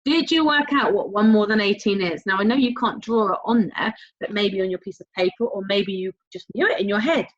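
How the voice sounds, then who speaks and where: This is a recorded primary maths lesson in which a woman addresses young pupils, her encouraging sing-song manner stretching key words and prompting them with questions. She speaks at a medium pitch. The audio is dull and low-fidelity.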